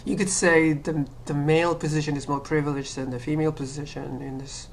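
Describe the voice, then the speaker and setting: A Sri Lankan woman vlogger with a low, deep voice talks to her camera in a casual, thinking-aloud personal monologue, a little fast and with fairly even intonation. She's hesitant, often restarting and leaning on "um" and "you know," and laughs self-consciously. The home recording is low quality, with a faint hiss underneath.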